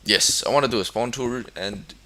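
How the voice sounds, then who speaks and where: There's a little hiss or hum behind this young Danish gamer, whose medium-pitched voice sounds pushed and bright at a normal speed. Commenting casually on a building game with a Danish accent, he hesitates a lot, filling gaps and restarting, since English isn't his first language.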